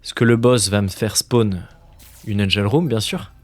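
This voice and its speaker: A man's voice: fairly low pitch, measured pace, dry recording, faint music behind. Exasperated man muttering over a game. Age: 30s. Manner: exasperated, swears a lot, drops to muttered whispers. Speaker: streamer. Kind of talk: casual gameplay commentary.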